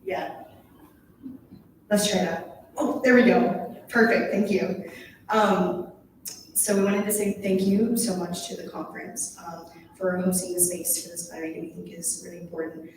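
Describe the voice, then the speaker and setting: A woman's voice: fairly low pitch, steady tone, a little slow, pauses often. A young woman around twenty, moderating a panel in a small room, friendly with many ums. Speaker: conference coordinator and moderator. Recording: echoey room from far off with noise.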